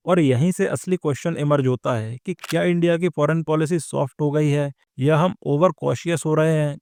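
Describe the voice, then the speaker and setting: A man delivers a scripted explainer in a slightly raised voice, measured and analytical. He talks straight to the viewer and drops English words into his Hindi. The recording is dry and close, with no room sound. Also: on the high side, no echo. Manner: steady, analytical, addresses viewers directly. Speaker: explainer host. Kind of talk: scripted explainer on world affairs.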